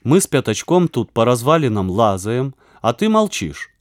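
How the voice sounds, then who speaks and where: A man's voice: mid-range voice, sing-song, normal speed, no echo, studio quality, close to an everyday voice. A man voicing a curious young schoolboy in an audiobook, with an eager, questioning way of talking. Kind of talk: audiobook character voice.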